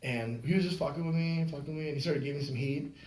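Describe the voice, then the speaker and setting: A man with a fairly high voice trades profane, joking fight stories as a podcast guest. The talk is casual and loose, and the room around him is noticeably echoey. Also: rapid-fire, a little mellow. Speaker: podcast guest, MMA referee and comedian.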